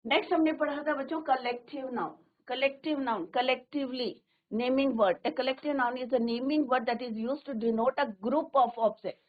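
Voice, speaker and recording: A woman teacher with a Hindi accent, her voice a little high, talks slowly and with care. She puts questions to the class and answers them herself. The sound comes through a thin, tinny line, as if over a phone. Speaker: English teacher. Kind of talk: classroom lesson. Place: studio.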